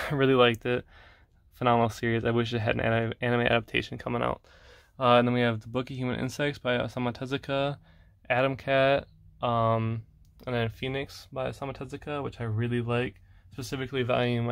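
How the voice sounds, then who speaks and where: A young man casually showing off his manga collection, rambling with fillers and soft laughs. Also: mid-range voice, creaky.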